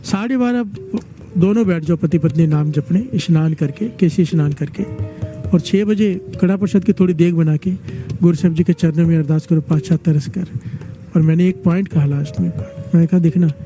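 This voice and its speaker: Soft music plays behind a preacher at a devotional gathering as he tells stories and pushes the congregation to chant back to him. He speaks at normal speed in a mellow voice that sits on the high side.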